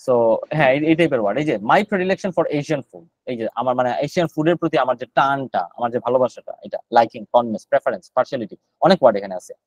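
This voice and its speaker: This medium-pitched male teacher talks very fast while running a live online GRE vocabulary class. He repeats each word and explains it in Bengali mixed with English terms. There's no echo, though the recording quality is rough.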